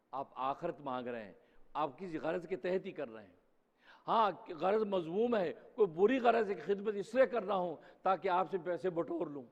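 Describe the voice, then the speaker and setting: A man preaching a Friday sermon in a mosque, speaking emphatically and posing rhetorical questions. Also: a little high. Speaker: preacher, mufti. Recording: dull sound with long hall reverb.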